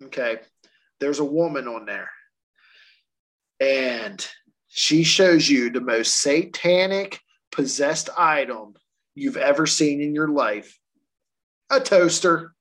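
Excitable male podcast co-host, very lively pitch, unhurried delivery. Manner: excitable, laughs often, swears casually. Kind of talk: casual storytelling chat.

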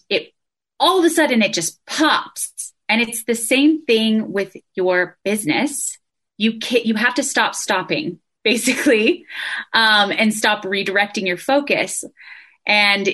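A woman's voice: mid-range voice, a bit bright. A woman speaking casually as an interview guest, explaining things informally with examples and rhetorical questions. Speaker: podcast guest, sales coach.

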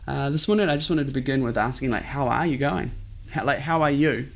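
A man's voice: medium pitch, a little fast, vocal fry. A man with a New Zealand accent giving a conversational sermon as a pastor, earnest and informal, often repeating his phrases. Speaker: pastor preaching to an online congregation.

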